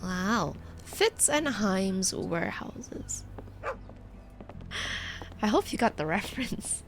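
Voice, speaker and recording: A woman's voice: mid-range voice, expressive, takes it slowly, a little hiss or hum. A woman giving chatty let's play commentary as a VTuber, reading game text aloud and making playful asides. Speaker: VTuber streamer. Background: faint game music.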